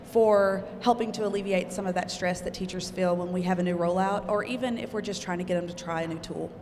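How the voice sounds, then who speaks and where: A woman from Texas, an instructional coach, speaking deliberately in an interview. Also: fairly low pitch, fairly even intonation. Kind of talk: conference interview. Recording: noisy reverberant hall.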